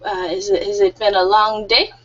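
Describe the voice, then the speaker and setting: A woman's voice: medium pitch, flat delivery, normal speed, fairly bright tone. A woman in her thirties teaching an online English group class, friendly and a little nervous, laughing often. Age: 30s. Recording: muffled lo-fi audio.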